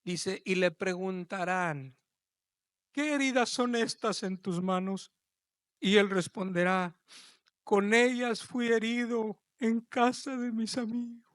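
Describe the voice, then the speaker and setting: A man preaching a sermon as pastor, swelling from low talk to loud, shouted passages. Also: fairly even intonation, slow pace, no echo, studio quality.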